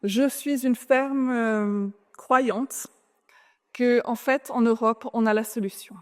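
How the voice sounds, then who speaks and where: A woman's voice: on the high side, steady tone, slow pace. French woman speaking in a reverberant hall. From France. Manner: hesitant, friendly, asks the audience questions. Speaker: invited speaker. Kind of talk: conference keynote talk. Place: large event hall. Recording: long reverb of a large hall.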